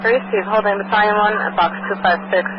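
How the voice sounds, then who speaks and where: A man's voice: high-pitched, steady tone, brisk. A male fire dispatcher speaking in clipped, routine radio procedure over a two-way radio transmission. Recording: lo-fi noisy scanner radio.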